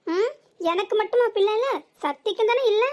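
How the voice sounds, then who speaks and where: A woman voicing a defiant, sharp-tongued young married daughter in a cartoon comedy, with a southern Tamil Nadu accent and a mocking, sarcastic delivery. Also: very high voice, a little fast.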